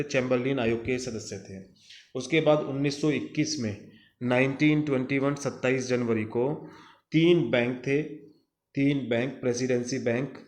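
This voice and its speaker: A man's voice: mid-range voice, a little mellow, roomy sound. A man teaching a commerce lesson, repeating dates and answering his own questions, mixing English terms into Hindi. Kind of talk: classroom lecture.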